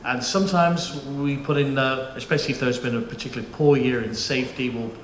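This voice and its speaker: A middle-aged panel moderator from the UK, with a touch of something in his vowels, presents briskly to a conference crowd, his intonation fairly even and his pitch ordinary for a man. He's chatty and joking, restarting often and leaning on fillers. The auditorium sounds echoey, with a faint room hum.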